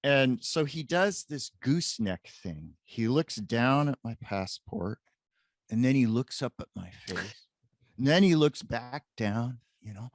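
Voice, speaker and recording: A man in his late fifties, a professor guest in a casual interview, telling an animated story. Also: medium pitch, no echo.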